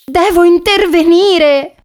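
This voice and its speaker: A woman voicing a sweet, gentle young female pet dog who sounds sad and pleading. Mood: worried. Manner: high, slow and pleading.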